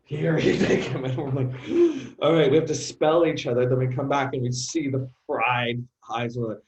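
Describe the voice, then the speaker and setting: A middle-aged man talking openly as an interview guest, animated and halting, often restarting and acting out sounds. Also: mid-range voice, reverberant, lo-fi sound, noisy background. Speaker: actor and coach, interview guest. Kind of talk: emotional conversational interview.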